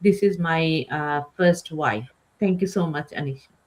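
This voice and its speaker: A woman's voice: low-pitched, a little slow. A woman from Bangladesh introducing herself on an online panel, polite and a little hesitant, over a video call. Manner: hesitant, polite, many fillers. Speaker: panel guest.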